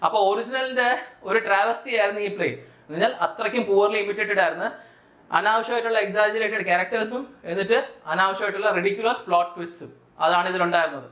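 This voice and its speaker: A Malayali man with a high, bright voice gives an explanatory lesson as a teacher. He speaks didactically, putting questions to the learner as he goes. The room adds a clear echo. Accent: Malayali Indian. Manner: didactic, checks understanding with questions. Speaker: vocabulary teacher for exam students. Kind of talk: explanatory lesson, mixing English terms into speech. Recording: echoey room.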